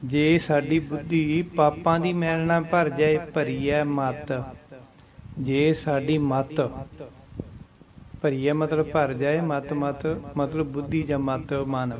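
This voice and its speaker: A man teaches scripture in a fairly high, even-pitched voice, slowly repeating each verse to model its pronunciation. He explains with patient repetition. Clear crowd chatter runs underneath. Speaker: Gurbani teacher.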